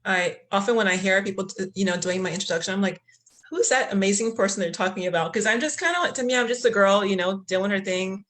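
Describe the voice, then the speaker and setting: A woman's voice: mid-range voice, quick pace, a bit bright. A woman from Liberia, a podcast guest, telling a spiritual story in a reflective way with many fillers. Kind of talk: conversational interview.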